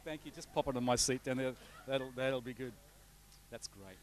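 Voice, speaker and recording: A middle-aged man from the north coast of New South Wales, Australia, speaks at normal speed with a medium-pitched voice. As a visiting pastor, he gives a church congregation a rambling, chatty introduction to his sermon, using slides and full of fillers and restarts.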